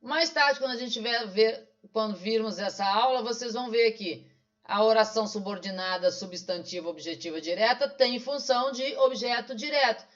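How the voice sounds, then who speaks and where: A man with a Brazilian Portuguese accent teaches an online lesson, solving exam questions. His voice is high and a bit bright, his pace moderate, and his didactic style has him asking questions and then answering them himself. The recording sounds dull and lo-fi.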